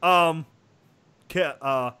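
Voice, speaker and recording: A woman's voice: low voice, drawn-out words, a bit bright, clear, resonant tone. A woman speaking casually and self-mockingly, with some swearing, as an amateur reader joking between passages. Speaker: amateur fan fiction reader. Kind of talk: casual comic banter during a read-aloud.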